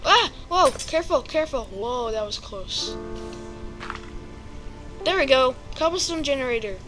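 With background music playing, a woman narrates a casual let's-play in a high voice with lively intonation and a measured pace. The video game player sounds chatty yet hesitant, using many ums and playful sound effects.

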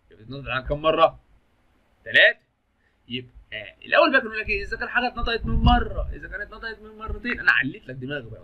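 Young Egyptian male teacher, fast and sharp-toned, chatty and jokey, answers his own questions. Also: mid-range voice, husky. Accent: Egyptian Arabic. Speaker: English teacher. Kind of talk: lively classroom-style grammar lesson.

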